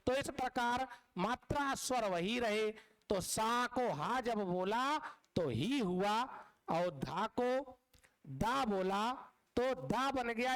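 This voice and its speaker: A man's voice: high voice, fairly bright tone, clean tone, poor audio. A man teaching an exam-prep lesson, explaining patiently with repetition and drawing out key words as he speaks to his students as dear children. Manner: drawn-out stressed words. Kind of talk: exam-prep Hindi lecture.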